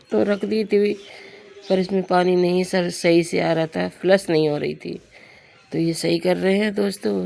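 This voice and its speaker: A young woman with a hoarse, sore throat, chatting confidingly to her viewers in a casual vlog. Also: fairly low pitch, a little mellow. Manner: confiding, addresses viewers as friends. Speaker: vlogger. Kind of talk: casual everyday vlog narration.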